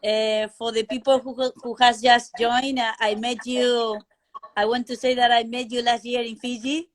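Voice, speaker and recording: A woman's voice: fairly high pitch, little pitch movement, normal speed, a little hiss or hum. Woman hosting an interview. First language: Spanish. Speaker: interview host. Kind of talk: live online interview, casual. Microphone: video call.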